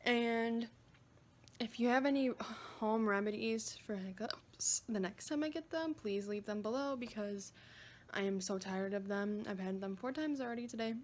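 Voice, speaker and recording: A woman's voice: fairly high pitch, moderate pace, a little hiss or hum. A young woman vlogging casually with the hiccups, chatty and self-mocking. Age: young adult. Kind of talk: casual vlog chat.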